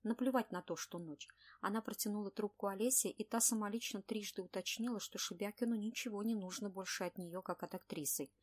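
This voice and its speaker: A woman narrating an audiobook in an even, measured reading voice. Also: mid-range voice.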